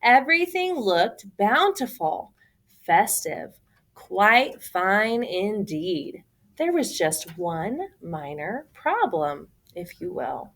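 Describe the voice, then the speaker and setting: Reading slowly from a children's picture book, a woman performs as the storyteller. She speaks in a mid-range voice with theatrical, emphatic expression.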